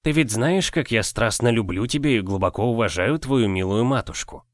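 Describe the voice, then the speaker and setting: A man reading an audiobook, voicing an aging official husband in his fifties, slow, fond and paternal. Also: lowish voice, animated, dry recording, studio quality. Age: 50s.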